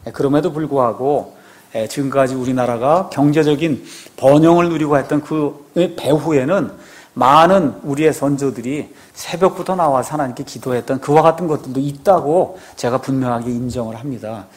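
A man's voice: medium pitch, moderate pace, darkish tone. A man, a pastor, giving a conversational sermon, asking his congregation rhetorical questions and often affirming himself with a short "yes".

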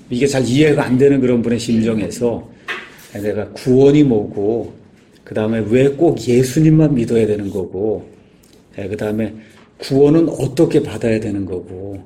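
A man giving an informal sermon, explaining patiently with frequent pauses and filler words. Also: mid-range voice, warm tone, slight background noise. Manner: halting, many "ye" fillers, explanatory. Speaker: guest speaker.

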